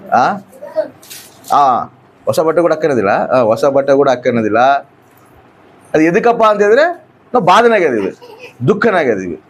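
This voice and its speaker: A male pastor, preaching a sermon and firing off rhetorical questions that he answers himself, repeating key phrases. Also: mid-range voice. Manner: answers his own questions.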